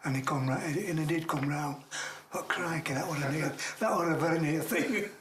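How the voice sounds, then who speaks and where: Older man, retired miner, halting storyteller, faint hiss behind. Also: fairly high pitch. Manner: halting, dialect-rich, acts out shouts in his tales. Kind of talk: casual reminiscing storytelling.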